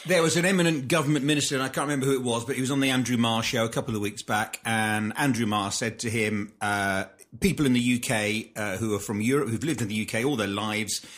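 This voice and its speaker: A man's voice: medium pitch, fast, hardly any pauses, a bit bright. A British man in casual conversation, talking easily and backing up his partner with frequent short agreements.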